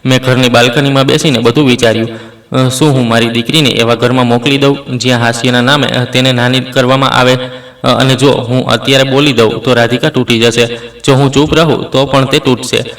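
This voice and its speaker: Casting: male narrator for a scripted family story, steady delivery, echoey room recording. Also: medium pitch. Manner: steady, measured. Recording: roomy, distant mic.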